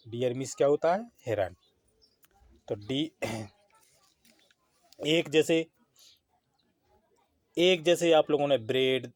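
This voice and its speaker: A male English teacher giving a grammar lesson. He spells words out letter by letter, asks himself questions and answers them, and keeps checking in with a quick "hain?". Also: mid-range voice, a little mellow, no room sound. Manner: ends phrases with a checking "हैं?".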